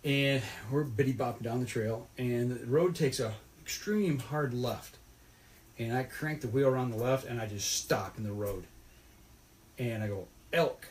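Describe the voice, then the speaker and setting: A man's voice: mid-range voice, moderate pace, a little hiss or hum. A man telling a rambling, folksy story about a fishing trip in casual podcast chat. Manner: rambling, folksy, animated retelling.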